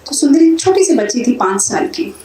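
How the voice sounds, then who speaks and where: A woman speaker telling a devotional story in a lively, chuckling way in a temple hall. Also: high-pitched, fairly quick, slight background noise. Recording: roomy hall sound from a distance.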